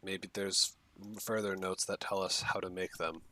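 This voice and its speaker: A man's voice: sits low, steady tone, unhurried, sharp tone. A man playing in a tabletop game, talking casually and joking with the table. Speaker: player.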